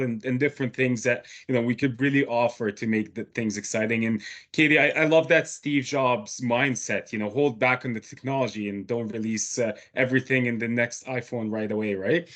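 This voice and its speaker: Man, webinar host, enthusiastic and affirming, mid-pitched voice, video call. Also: steady tone, moderate pace, few pauses, fairly bright tone. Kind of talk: webinar interview.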